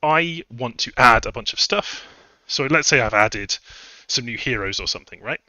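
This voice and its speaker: This game modder and streamer speaks in a mid-range voice at normal speed, expressive, bright and forceful. Chatting casually on his live stream, he wanders through his points, full of fillers and restarts, slightly winded. The recording is dry, with the highs cut off.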